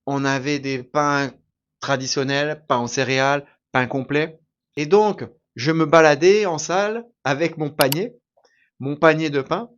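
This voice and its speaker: A man teaching through a slow, emphatic story for learners, repeating his phrases deliberately. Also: a little high, clean tone, highs cut off. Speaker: French teacher.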